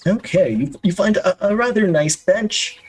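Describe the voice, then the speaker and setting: A man's voice: high voice, moderate pace, a little mellow, breathy edge, poor audio. A man narrating scenes as a tabletop game master, descriptive and full of hesitant uhs. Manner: descriptive, with frequent uhs and restarts.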